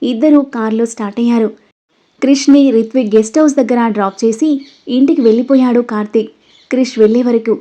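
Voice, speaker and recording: High-voiced woman storyteller. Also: dark tone. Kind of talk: storybook narration. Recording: dull lo-fi recording.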